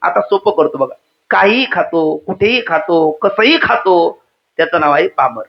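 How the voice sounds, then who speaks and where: A man's voice: on the high side, lively intonation, moderate pace, gravelly. A man giving a devotional kirtan sermon, quizzing the audience, reciting verses and joking with them. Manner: interactive, quizzes the audience and asks them to repeat words; humorous asides. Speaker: kirtan preacher. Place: hall with a live audience. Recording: dull lo-fi sound.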